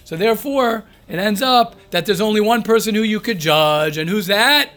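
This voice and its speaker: A man's voice: sits high, normal speed, a bit bright. A man teaching an informal religious class, reading aloud and commenting emphatically, repeating phrases and asking rhetorical questions. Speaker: rabbi teaching a daily class.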